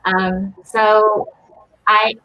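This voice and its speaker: A woman's voice: medium pitch, level tone, very slow, bright, forceful tone, rough recording. A woman, from Vietnam, studying social work, speaking shyly and hesitantly. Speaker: social work graduate student.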